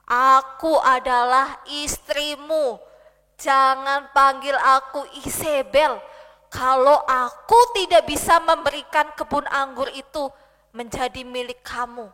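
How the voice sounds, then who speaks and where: A woman's voice: high voice, bright, forceful tone, exaggerated voice. A woman doing a coaxing, scheming queen. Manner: coaxing and commanding. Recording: long hall reverb.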